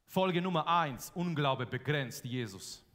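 High-voiced preacher in a reverberant hall. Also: male voice, animated, takes it slowly. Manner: emphatic, repeats key phrases, swings between loud and soft. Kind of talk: sermon.

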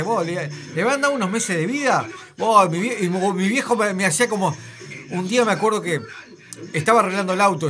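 Man, radio host, high pitch, rambling emphatic storytelling, music underneath. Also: pushed and bright. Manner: rambling, emphatic storytelling with frequent filler words. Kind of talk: casual radio banter.

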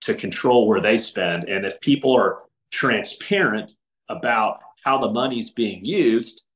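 A man's voice: fairly low pitch, measured pace, fairly bright tone, poor audio. Earnest man, lots of "like" restarts. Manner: earnest, with many restarts and filler "like". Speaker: guest. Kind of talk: casual interview conversation.

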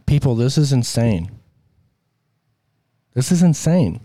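An American man hosts a political commentary show while nursing a sore throat. His voice is dark and mellow, in a very dry recording. He speaks in an emphatic, exasperated monologue with colloquial wording. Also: medium pitch, very animated, slow, dry recording. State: sore throat with coughing and throat clearing.

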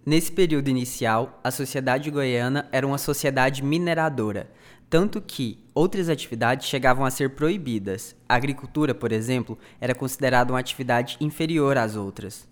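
A man narrating a history podcast from a script, clear and didactic, addressing the listener directly. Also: mid-range voice, brisk.

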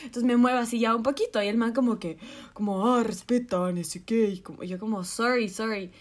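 A woman, co-hosting a podcast and telling a story in a lively, laughing way with slang and quoted asides. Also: a little high, a little fast. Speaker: podcast co-host. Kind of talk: casual storytelling chat.

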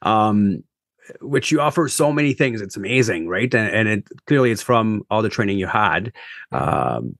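A man's voice: on the low side, animated, normal speed, vocal fry, a bit bright, no echo. A man hosting a podcast interview in a chatty, upbeat way, often restarting his sentences. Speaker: podcast host.

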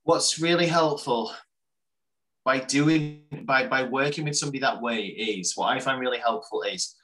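A man's voice: mid-range voice, normal speed, a bit bright, rough recording. A man co-hosting a casual podcast, talking in a thoughtful, meandering way full of restarts. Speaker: co-host and coach.

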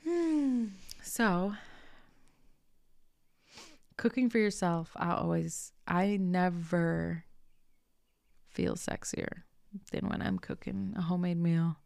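A young adult woman with a low, gravelly voice talks through a relaxed motivational monologue. She is chatty and earnest, slips into soft whispers and swears casually. The sound is close and dry, with no room around it. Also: slow pace, pauses often, dry recording. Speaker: podcast host, spiritual coach.

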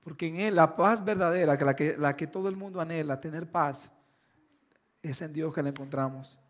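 High-voiced man preaching emphatically. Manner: emphatic, repeats key phrases; swings between loud bursts and hushed, slow phrases. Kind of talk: sermon.

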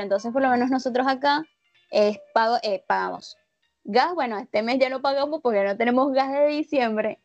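A chatty woman with a fairly high voice talks things through at length as an interview guest. The sound is dry and muffled, and faint music plays behind her. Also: darkish tone, no room sound. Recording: dull lo-fi audio, faint music.

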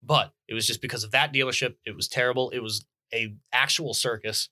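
A man's voice: medium pitch, steady tone, a little fast, bright, forceful tone, no room sound, clean studio sound. A man hosting a casual podcast chat about cars, stammering and talking over the others. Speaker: podcast host.

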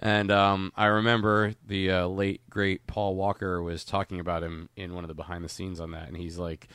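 A man hosting a podcast, talking in an excited, rambling way and swearing often. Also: deep voice, normal speed, clean tone, no room sound. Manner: enthusiastic, rambling, swears a lot. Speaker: podcast host. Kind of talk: casual podcast chat.

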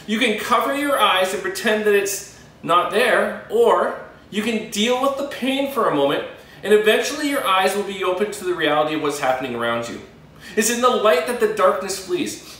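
Echoey preaching man, high voice. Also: animated, fairly bright tone. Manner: earnest preaching with slow emphatic pauses. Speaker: pastor. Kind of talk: sermon. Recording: very echoey room, voice from a distance.

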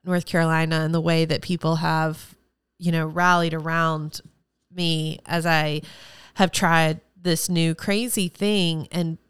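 A woman's voice: sits low, flat delivery, a little slow, smooth, no room sound, clean studio sound. A woman hosting her own podcast, talking alone in an effusive, rambling and emotional way. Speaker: podcast host; former teacher. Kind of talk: solo podcast monologue.

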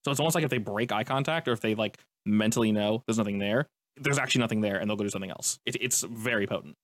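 Fast-talking man running a tabletop game. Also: on the low side, a bit bright, no room sound. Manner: conversational, descriptive, explanatory. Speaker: game master. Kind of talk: improvised tabletop game narration.

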